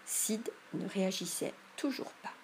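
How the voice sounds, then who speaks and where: A woman narrates a classic storybook in a measured, expressive way. Her voice sits at a middle pitch, and a faint background hiss runs under the reading. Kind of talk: audiobook reading.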